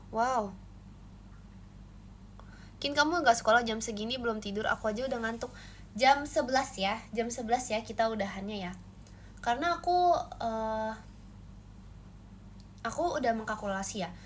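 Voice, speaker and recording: A young woman hosting a casual livestream, playfully chatting with viewers and answering their comments. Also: slight background noise. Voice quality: says her own voice gets shrill when loud. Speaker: idol livestream host. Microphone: phone livestream.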